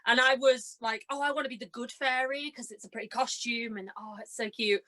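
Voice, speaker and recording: Appearing as a podcast guest, this young woman who performs in stage and radio drama tells stories quickly in a voice on the high side. She's chatty, giggly and self-deprecating, acting out dialogue as she shares anecdotes in casual conversation.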